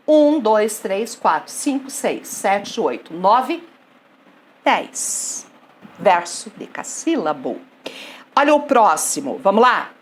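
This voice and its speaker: A woman's voice: mid-range voice, slight background noise. A woman teaching a poetry lesson, explaining rhyme and syllable counts step by step and quizzing her class. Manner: animated, explains step by step and asks the class questions; reads verse slowly and softly. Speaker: literature teacher.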